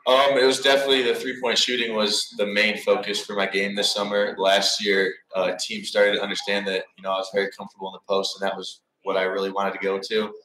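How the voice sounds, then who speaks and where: Low, flat-voiced young athlete guest. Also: male voice, fast, hardly any pauses. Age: young adult. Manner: low-key, steady, polite. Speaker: college basketball player guest. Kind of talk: sports radio interview. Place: sports bar, indoors. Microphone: table mic. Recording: roomy bar sound.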